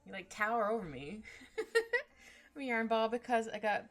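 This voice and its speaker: Young woman streamer, bright high voice, very lively, giggly chat over soft music. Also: moderate pace. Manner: giggly, bubbly, trails off and restarts. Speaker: streamer drawing live. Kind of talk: casual chat with live chat while drawing. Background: soft background music.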